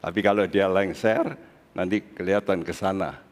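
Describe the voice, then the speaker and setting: A male pastor preaching a sermon in a relaxed, conversational way that breaks into excited high bursts. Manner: slow, conversational preaching with sudden excited rises. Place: church sanctuary. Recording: long reverb of a large hall.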